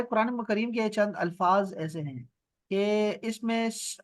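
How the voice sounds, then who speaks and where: A man with a Pakistani Urdu accent teaches an online class over a video call. His voice sits high and sounds dry and close to the mic. He repeats words patiently and checks in with his students often. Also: no room sound. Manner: patient, repeats words slowly for students, asks "theek hai?". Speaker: Arabic and Quran grammar teacher.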